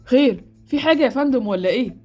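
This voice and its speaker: A reserved Egyptian doctor, voiced by a woman, who speaks in a measured, reassuring way. His voice sits fairly high, with quick delivery and soft music under it. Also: animated. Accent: Egyptian Arabic. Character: calm, reserved male doctor. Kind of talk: Roblox series voice acting.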